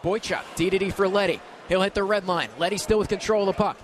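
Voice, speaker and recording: This radio play-by-play man sits high in pitch and keeps a quick pace, narrating the ice hockey action in an excitable, urgent, clipped way. The broadcast is filled with the loud noise of a hockey arena.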